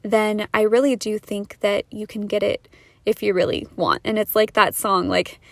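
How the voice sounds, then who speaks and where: A woman's voice: mid-range voice, fairly even intonation, normal speed, gravelly, dry recording, studio quality. A young woman hosting a podcast, talking earnestly and casually with lots of fillers, a little out of breath. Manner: earnest, chatty, fillers like "like" and "you know". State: a bit out of breath from talking fast. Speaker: podcast host. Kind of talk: casual solo podcast monologue.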